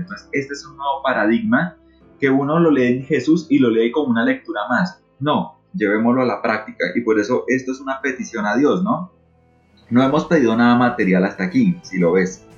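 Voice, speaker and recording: A man speaking as an interview guest, talking earnestly and emotionally about faith and prayer, often repeating words for emphasis. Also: mid-range voice. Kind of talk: reflective talk on faith and prayer. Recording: muffled recording with faint music. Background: faint music.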